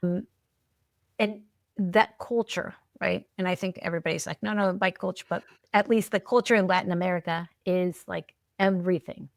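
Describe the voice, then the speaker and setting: This middle-aged podcast guest, an alcohol-free coach from Peru who moved there at ten, speaks in a low-leaning, fairly even voice with some vocal fry, recorded cleanly in a studio with no room sound. Chatting in a casual, reflective way, she stops and restarts phrases, repeats words, and often tags on "right?" or "you know."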